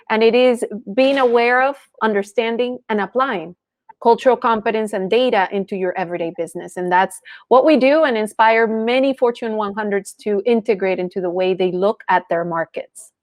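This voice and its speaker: A woman's voice: mid-range voice, moderate pace, dry recording. A woman from Colombia who learned English as a teenager, speaking as an interview guest in an earnest, articulate, businesslike way. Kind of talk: interview conversation.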